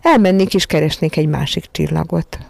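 A woman's voice: low voice, vocal fry, a little mellow, dry recording, clean studio sound, heavily acted. A woman reading a storybook aloud, voicing a mother who gives advice in an emphatic, raised voice.

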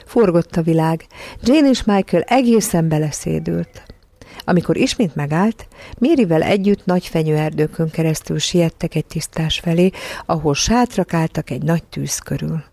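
A narrator reading a children's storybook aloud in an even, measured way. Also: medium pitch, gravelly, no echo. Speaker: audiobook narrator.

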